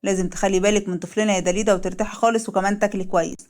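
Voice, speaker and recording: A man's voice: high voice, flat delivery, very fast, darkish tone, natural voice. A woman voicing a loving young husband with an Egyptian accent, speaking tenderly and reassuringly.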